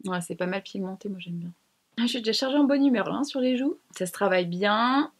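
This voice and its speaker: A woman's voice: mid-range voice, fast talker. A young woman chatting casually to camera as she tests makeup, slangy and self-mocking. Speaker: beauty vlogger. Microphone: camera mic.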